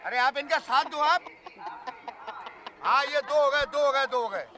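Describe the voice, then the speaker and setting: A man with a Gwalior-area Hindi accent hosting a street game at a fair, briskly counting and cheering people on. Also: very high-pitched, bright, forceful tone. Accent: Hindi, Gwalior region. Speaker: fair show host. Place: outdoors at a busy fair. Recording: noisy outdoor crowd. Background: crowd chatter.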